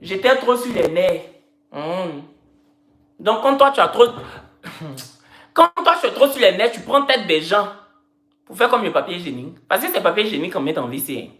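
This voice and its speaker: A woman's voice: on the low side, big pitch swings, normal speed, long pauses, fairly bright tone. Woman, casual live-stream host, playful and teasing, repeats her lines, roomy echo. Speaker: social media personality.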